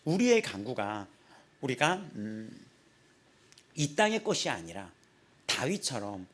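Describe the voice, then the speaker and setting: A young man in his twenties preaching a casual sermon in a small church, telling personal stories with lively acted-out quotes and frequent laughter. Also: mid-range voice, slow pace. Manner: animated storytelling, acts out quotes, laughs often. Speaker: pastor.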